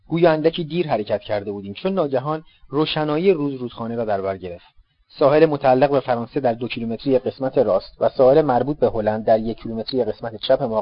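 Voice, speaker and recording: A man narrating an audiobook in a steady, even reading voice. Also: medium pitch, dry recording. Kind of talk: scripted narration. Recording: dull lo-fi dry recording.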